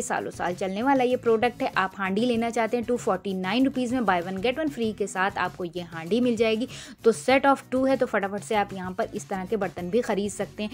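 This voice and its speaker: A woman vlogger walking through a large store, briskly listing prices in an upbeat sales-pitch manner. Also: a little mellow. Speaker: shopping vlogger. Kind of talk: store walkthrough narration.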